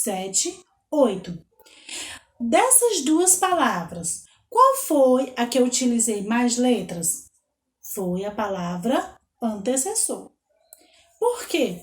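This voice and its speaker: A woman with a Brazilian Portuguese accent teaching young children, slowly spelling out letters and counting aloud. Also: medium pitch, darkish tone, reverberant. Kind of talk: children's lesson.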